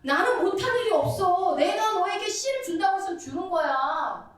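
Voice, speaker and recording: A stern, rebuking God, put on by a woman preacher mid-sermon, drawing out each word as he scolds. The voice sits high and swings widely in pitch. It sounds far from the mic, awash in the heavy echo of a large hall. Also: animated. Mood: stern rebuke. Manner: scolding, emphatic, drawn-out. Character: stern male God rebuking a disobedient servant.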